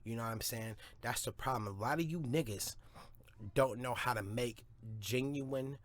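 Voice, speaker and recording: A man's voice: mid-range voice, moderate pace. A man hosting his own podcast in a rambling, profane, hyped-up monologue. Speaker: podcast host. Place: home studio or car, smoking a blunt.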